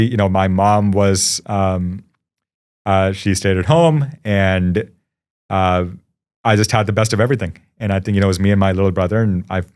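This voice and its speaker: A man from India with a somewhat low voice speaks as a podcast guest. He is a founder reflecting thoughtfully and warmly, and he pauses on plenty of ums. His manner is casual and unhurried. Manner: warm, reflective, frequent fillers.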